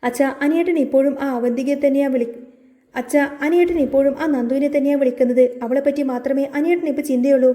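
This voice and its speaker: A woman's voice: high voice, steady tone, fast, mellow, lightly acted. A woman reading the lines of a defiant young daughter in a spoken story retelling, pleading and stubborn. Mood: upset. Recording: echoey room.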